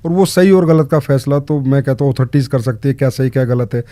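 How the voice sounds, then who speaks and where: A man's voice: mid-range voice, fast, mellow, no room sound. A man answering interview questions in an earnest way, stressing points with short repeated commands. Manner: emphatic, lists short commands. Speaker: guest in direct selling.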